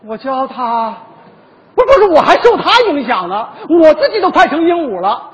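An actor playing a fretful, pleading driver in a stage comedy sketch. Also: male voice, extremely high pitch, very animated, moderate pace, a bit bright, exaggerated voice, poor audio. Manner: whiny, pleading protests. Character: middle-aged male driver, fretful and pleading.

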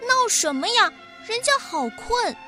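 A woman's voice: extremely high pitch, sing-song, a little slow, over music, pitched above the performer's own voice, full character voice. A woman voicing a boastful young piglet who fancies himself a hero, in a children's story. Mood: sleepy.

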